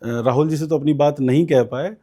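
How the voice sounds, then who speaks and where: A slightly high, mellow male voice at normal speed. He's a student politician appearing as an interview guest, telling a long story conversationally, full of fillers and quoted voices.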